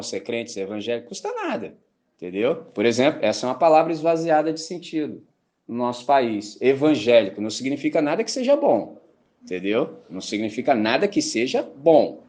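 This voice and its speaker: A man preaching a sermon as a pastor, with a Brazilian Portuguese accent, talking colloquially, often asking "entendeu?" and mimicking voices as he tells stories. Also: mid-range voice. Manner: animated storytelling with mimicked voices.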